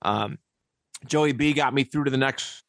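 A man's voice: medium pitch, a little slow, fairly bright tone, a little hiss or hum. A man hosting a casual sports podcast, rambling and laughing often. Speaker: podcast host.

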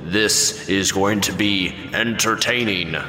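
A man, the dungeon master, voicing a showman arena announcer whose booming voice rings out as if magically amplified, drawn out slowly. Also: fairly even intonation, pushed and bright, reverberant, in a large hall, faint music behind, exaggerated voice. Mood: grandstanding. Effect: booming voice projected over an arena, as if magically amplified.

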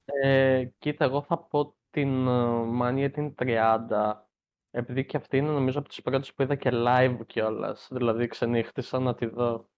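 A man's voice: medium pitch, flat delivery, a little hiss or hum. A young man co-hosting a casual wrestling podcast, reminiscing in an easygoing way. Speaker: podcast co-host. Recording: dull lo-fi sound.

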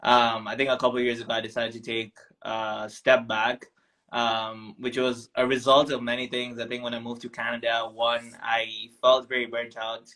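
Here a young founder from Tanzania talks as an interview guest in a casual setting, reflective and prone to ums and restarts. His mid-range voice is flat and bright with a pushed quality, at a moderate pace, on a low-quality recording.

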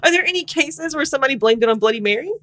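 Teasing woman co-host, higher voice that swings widely, laughs often. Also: expressive, rapid-fire, bright, forceful tone. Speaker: podcast co-host. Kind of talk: casual chat.

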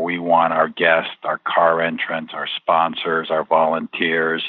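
A man in his fifties from Puerto Rico answers interview questions in an earnest, rambling way. His voice is very low, and it comes through a tinny, phone-like line with a dry, close sound. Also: no echo. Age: 50s. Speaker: interview guest.

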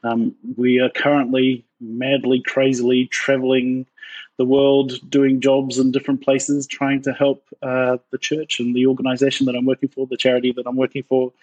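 A man's voice: mid-range voice, completely flat delivery, normal speed, darkish tone, dry recording, highs cut off. A middle-aged man, an outgoing podcast guest who talks at length in a casual, rambling way. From New Zealand. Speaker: podcast guest, ministry worker. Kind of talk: casual interview chat.

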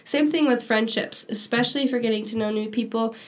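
Brisk and fairly high-pitched, this young podcast co-host chats on a relaxed faith-based show while nasal from a cold. She fills her speech with lots of "um" and "like."

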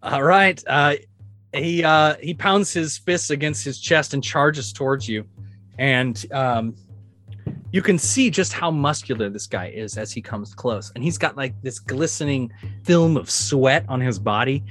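A man narrating a tabletop game as dungeon master, telling the action vividly and excitedly, with sound effects. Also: medium pitch, unhurried, soft background music.

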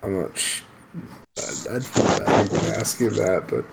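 A man's voice: lowish voice, expressive, measured pace, vocal fry. A tired man chatting casually and informally with his podcast co-host over an online voice call. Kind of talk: casual private banter. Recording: noisy voice chat with clicks.

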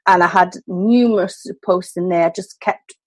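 A woman's voice: on the low side, moderate pace. A woman in her thirties with a Welsh Valleys accent, telling her story conversationally as an interview guest. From Wales, the valleys. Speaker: podcast guest, business owner.

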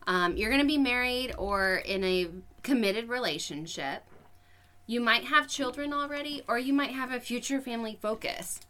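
A woman in her thirties co-hosting a podcast with her husband, upbeat and quick to laugh. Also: a little high, bright, forceful tone. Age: 30s. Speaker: podcast co-host. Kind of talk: casual podcast chat.

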